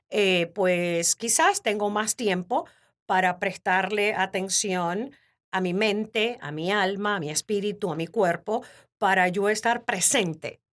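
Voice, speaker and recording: A Cuban woman in her fifties, speaking in an animated, laughing way as a guest in a casual interview. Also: mid-range voice. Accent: Cuban Spanish. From Cuba. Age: 50s. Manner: warm, animated storytelling with frequent laughter. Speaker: podcast guest.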